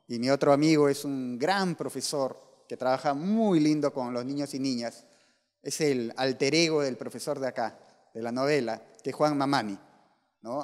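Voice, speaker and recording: A man presenting his novel to an audience, reading aloud and then telling anecdotes that he acts out with lively dialogue. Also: on the high side. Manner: animated storyteller acting out dialogue. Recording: long hall reverb.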